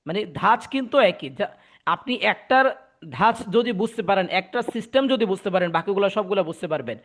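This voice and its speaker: A man teaching an online recitation class, patiently explaining and drilling syllables slowly for students to repeat over a video call. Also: high voice, lively intonation, a bit bright.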